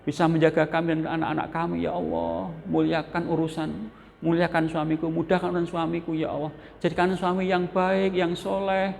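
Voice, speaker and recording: A woman's voice: fairly low pitch, flat delivery, brisk, vocal fry, a little hiss or hum. A man playing a pleading pilgrim wife, echoing. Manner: soft, earnest, pleading prayer. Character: devout pilgrim wife praying softly for her husband. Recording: long reverb of a mosque hall.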